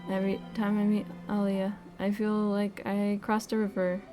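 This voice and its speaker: A woman's voice: mid-range voice, normal speed. Playful young woman reading a game aloud. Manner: expressive, playful reading with laughs and asides. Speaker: streamer. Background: faint game music.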